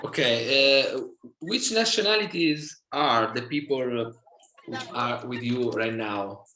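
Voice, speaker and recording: A man's voice: medium pitch, slow, sharp tone, a little hiss or hum. Journalist, man, hesitant English questions; roomy echo. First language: Italian. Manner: hesitant, searching for words. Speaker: foreign correspondent. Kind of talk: press conference questions.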